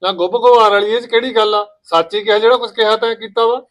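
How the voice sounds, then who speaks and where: A man playing a village husband caught between his wife and his sister, talking in a rapid, pleading way in a family skit. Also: high voice, steady tone, fairly bright tone, lo-fi sound.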